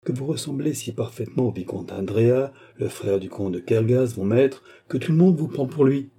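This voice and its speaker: A man voicing a calm, sharp-tongued male servant who speaks with quiet irony. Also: mid-range voice, normal speed, creaky, husky, voice pushed up. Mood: calm, needling.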